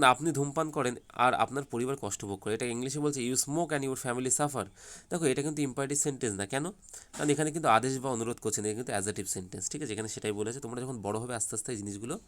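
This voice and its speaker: Man teaching English grammar, quizzing. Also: medium pitch. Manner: repeats checks like "ঠিক আছে?", asks and answers his own questions. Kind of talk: explanatory lesson to children.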